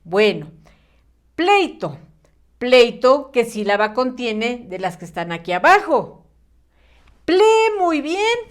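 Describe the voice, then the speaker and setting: A woman teacher speaks slowly and warmly to young children, drawing out each syllable so they can repeat it. Her voice sits fairly high and swings widely in pitch, bright with encouragement. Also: very animated. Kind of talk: children's literacy lesson.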